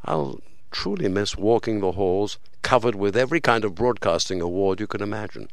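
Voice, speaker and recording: A man's voice: lowish voice, moderate pace, no room sound. An older man, a veteran broadcaster, reminiscing and telling stories on the radio.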